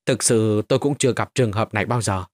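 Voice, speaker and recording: A man's voice: fairly low pitch, quick pace, darkish tone, no room sound, studio quality, natural voice. A man doing a stern old grave digger. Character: older male grave digger, cautious and gruff.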